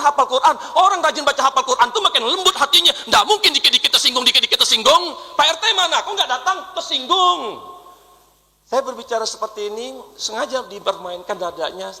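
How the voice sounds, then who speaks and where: Young male preacher, very high and bright, animated mosque sermon, echoing hall. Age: young adult. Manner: lively preaching, repeating phrases, mimicking voices in quoted dialogue.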